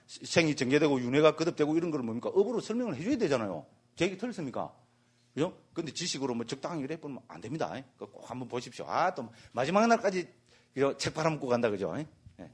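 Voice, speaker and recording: A man, a Buddhist monk, giving a jokey, animated lecture and keeps asking the class "right?". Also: fairly high pitch, fast, husky. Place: meditation center lecture hall.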